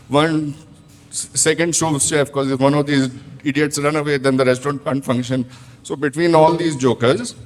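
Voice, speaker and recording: A middle-aged man with an Indian accent speaks to a live audience in a blunt, lecturing manner. He keeps putting questions to the listeners. His voice sits at an ordinary middle pitch. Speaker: tea room founder and chef giving a talk. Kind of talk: public talk to a live audience.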